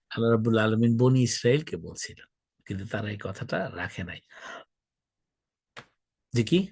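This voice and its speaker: A man's voice: mid-range voice, dry recording. Guy preaching, chatty, keeps asking the crowd stuff, stretches words out. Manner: conversational, asks the audience questions, stretches key words. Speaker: Islamic lecturer. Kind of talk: religious talk to an audience.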